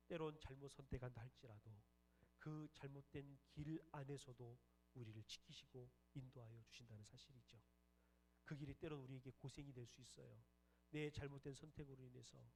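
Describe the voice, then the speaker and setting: A man's voice: mid-range voice, darkish tone. A young man preaching a sermon as pastor, earnest and rising to fervent emphasis. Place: church worship hall. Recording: distant mic in a hall, faint hum.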